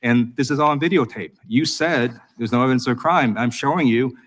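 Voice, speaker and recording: A man's voice: medium pitch, fairly quick, fairly bright tone. An American man questioning a witness at a formal hearing as a congressman, prosecutorial, insistent and accusatory. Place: government hearing room.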